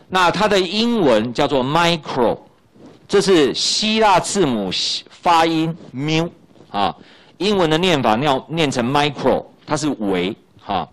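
A recorded high school physics lecture features a middle-aged man speaking Mandarin with a Taiwanese accent. He's chatty, tags his sentences with little fillers, and repeats the key points.

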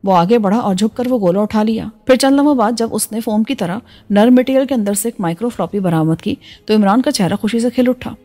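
A woman narrating a spy novel as an audiobook, in a steady, even storytelling voice. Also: fairly high pitch, a little fast, hardly any pauses. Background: soft music.

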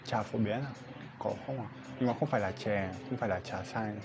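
A man with a foreign accent chatting casually in halting, broken Vietnamese, searching for and repeating words. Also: fairly low pitch, music in the background. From outside Vietnam, a foreigner. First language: not Vietnamese. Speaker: vlogger. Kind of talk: casual chat with strangers. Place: inside a restaurant. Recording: busy eatery chatter around the voice. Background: crowd chatter.

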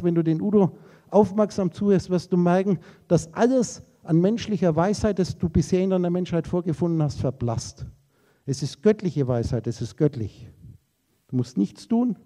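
This is a man lecturing to a live audience, his voice pitched high yet dark and mellow in tone. He rambles through associative wordplay and speaks to his listeners directly and casually. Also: moderate pace. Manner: addresses listeners directly and informally. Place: lecture room.

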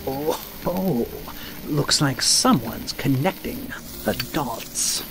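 An actor playing a smug, mocking villain in a video game, with theatrical, drawn-out taunts. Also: male voice, medium pitch, animated, creaky, heavy background noise. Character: smug taunting male villain watching a captive agent. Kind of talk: video game character acting.

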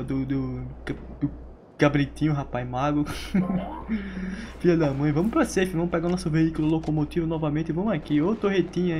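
A man's voice: a little high, darkish tone, slight background noise. A young Brazilian man rambling and joking to himself as he plays a battle royale game. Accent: Brazilian Portuguese. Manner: rambling, playful, talks to himself while playing. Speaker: gaming youtuber. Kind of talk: casual gameplay commentary.

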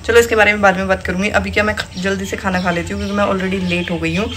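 A woman's voice: mid-range voice, flat delivery, racing, fairly bright tone. A young woman chatting casually to her viewers in a vlog, filmed in a village on a phone. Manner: chatty, talks straight to viewers. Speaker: vlogger. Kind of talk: casual vlog chat to camera. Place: village roadside and home, outdoors. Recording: noisy phone recording.

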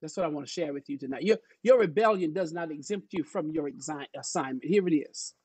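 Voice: medium pitch, fast, a little mellow, husky. A preacher giving a Bible study sermon, exhorting and calling out to the listeners, repeating phrases, with many "uh" fillers and folksy phrasing.

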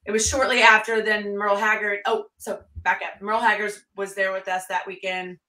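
A woman, a country singer and fiddler, telling stories as a guest in a lively interview, acting out quotes with loud bursts. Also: mid-range voice, a little fast, reverberant, far from the mic, poor audio. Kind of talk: storytelling interview chat.

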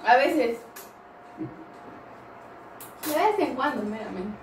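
A woman's voice: a little high, very animated, slow pace. A woman in her twenties with a Mexican accent, bantering casually. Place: indoors, small bare-walled room. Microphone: camera a couple of metres away. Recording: echoey room, distant mic, clear noise.

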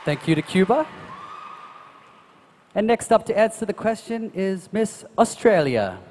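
A man's voice: high voice, big pitch swings, unhurried, a little mellow, slight background noise. A man presenting live on a large stage as a pageant host, with music under his voice. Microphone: handheld microphone.

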